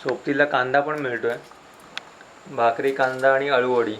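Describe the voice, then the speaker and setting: A man's voice: medium pitch, steady tone, normal speed, a bit bright, highs cut off, slight background noise. A man with a Konkan Marathi accent vlogging casually outdoors, chatty and teasing as he shows things to his viewers. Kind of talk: casual village vlog narration. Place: outdoors in a village and forest. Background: insects and birds.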